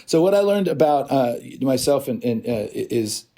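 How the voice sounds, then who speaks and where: A man in his fifties from Oregon, USA, appears as a podcast guest in a casual chat, telling stories in a loose, animated, rambling way with many restarts. His voice is medium-pitched and moves at normal speed.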